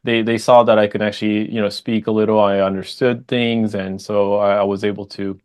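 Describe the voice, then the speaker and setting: A man's voice: lowish voice, little pitch movement, a little fast, darkish tone, clear, resonant tone. A man born in Japan and raised partly in the United States, chatting as an interview guest in a loose, rambling way with many restarts. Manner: rambling, many restarts and fillers, laughs easily. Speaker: guest musician. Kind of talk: casual interview answers.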